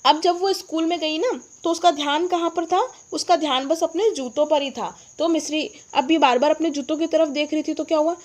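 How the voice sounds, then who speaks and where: A woman's voice: high-pitched, brisk, few pauses. A woman teacher explaining a story lesson to children, often asking the class questions and answering them herself. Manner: asks the class rhetorical questions.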